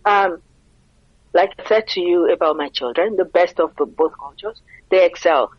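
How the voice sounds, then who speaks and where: A middle-aged Nigerian woman with a Nigerian accent speaks earnestly as a guest in a conversational interview, often posing rhetorical questions. Her lowish voice moves at a moderate pace, and the recording is muffled with no room sound.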